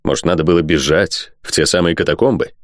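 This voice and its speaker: Deep-voiced male audiobook narrator. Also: quick pace, dry recording, clean studio sound. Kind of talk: expressive audiobook reading.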